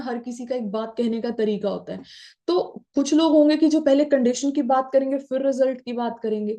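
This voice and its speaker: Woman teacher, mellow, slightly high voice, chatty grammar explainer. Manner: chatty, asks and answers her own questions. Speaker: English teacher.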